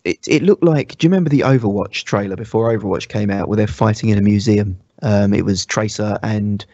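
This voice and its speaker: A man co-hosting a casual gaming chat show, leading the talk with lively reactions. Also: on the low side, brisk, no room sound. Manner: animated, laughing, leading the discussion. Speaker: podcast co-host. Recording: dull lo-fi stream audio.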